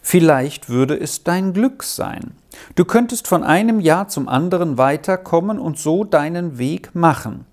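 A reader voicing a gentle, earnest old grandmother who speaks softly and admonishes slowly in a storybook reading. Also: medium pitch, lively intonation, lightly acted. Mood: gentle, admonishing. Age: over 60. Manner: soft, admonishing, slow and thoughtful.

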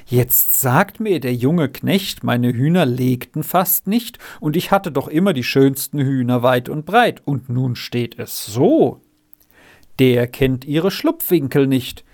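A male storyteller voicing a middle-aged farm wife who speaks in a measured, wondering way. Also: medium pitch, lively intonation, darkish tone. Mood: astonished.

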